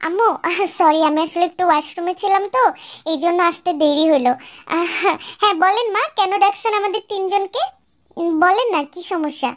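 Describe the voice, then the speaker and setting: A woman's voice: extremely high pitch, brisk. A woman voicing a pampered young daughter-in-law who whines, sulks and talks back, in a fan-dub drama. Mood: whining. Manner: whiny, sulky, talks back.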